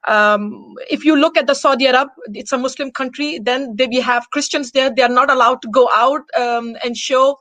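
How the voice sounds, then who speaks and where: A woman from Denmark talks as an interview guest in a high voice. She is earnest and repeats words to press a point. The sound is close and dry. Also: normal speed, few pauses, a bit bright, dry recording. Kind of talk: conversational interview.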